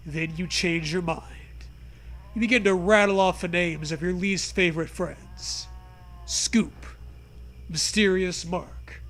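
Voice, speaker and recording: A co-host with a high, slightly bright voice reads aloud from a choose-your-own-adventure parody. He playfully dramatizes the silly story and trades casual banter along the way.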